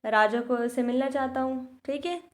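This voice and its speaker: A woman teacher explaining a textbook chapter to students. She reads English lines slowly, then explains them in Hindi, checking in with the class often. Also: high voice, fairly even intonation. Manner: addresses students directly with repeated check-ins.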